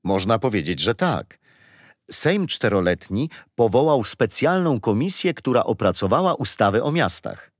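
This is an actor portraying a gentle old grandfather and storyteller for a children's radio drama, explaining history and tales patiently while teasing playfully. The man's medium-pitched delivery is very animated at a normal speed, captured in a clean studio without echo.

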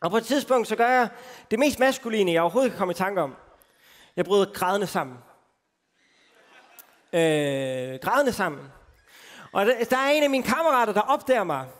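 High-voiced man telling a sermon story. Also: animated, pauses often, long reverb tail. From Denmark. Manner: informal, self-mocking storytelling with many fillers. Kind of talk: personal testimony sermon.

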